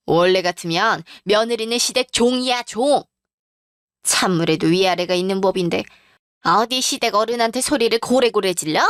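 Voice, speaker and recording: A woman's voice: medium pitch, no echo, clean studio sound, lightly acted. A woman voicing a domineering older mother-in-law who scolds harshly and commands.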